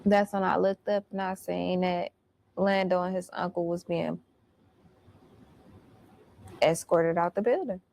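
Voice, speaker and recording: A woman's voice: fairly low pitch, fairly even intonation, measured pace, vocal fry, long pauses, darkish tone. A woman telling a personal story in casual, blunt, profane street slang. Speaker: storyteller recounting her experience.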